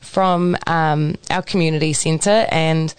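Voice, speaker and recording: A young woman with a New Zealand accent chats on community radio, bubbly and full of laughter. Her voice sits a little low for a woman, and the recording is dry and close, with little room sound. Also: steady tone, slow, clear, resonant tone, no room sound. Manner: bubbly, laughs often, chatty with fillers. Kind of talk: casual radio chat. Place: community centre studio.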